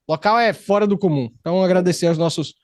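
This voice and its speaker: Fast-talking excitable podcast host. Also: male voice, high-pitched, no room sound, studio quality. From Brazil. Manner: excited, slangy, quick and rambling. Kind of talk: casual interview chat. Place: podcast studio.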